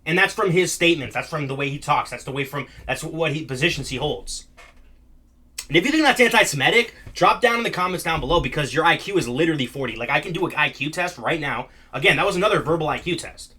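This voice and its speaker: A man's voice: on the high side, expressive, fast, bright, forceful tone, husky. A man giving casual reaction commentary in a heated, slangy and mocking way. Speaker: online commentator.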